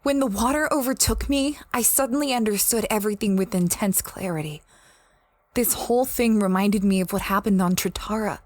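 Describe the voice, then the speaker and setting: Her voice natural and medium-pitched, with no echo, the same kind of space-explorer character speaks a little fast as she tells of an odd expedition. This time the mood is wounded and intense, though the first-person telling stays reflective and conversational.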